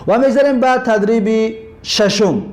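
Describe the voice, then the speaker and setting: A man with a Tajik Persian accent teaching a language lesson, explaining slowly, repeating points and spelling words out. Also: high-pitched, a little mellow.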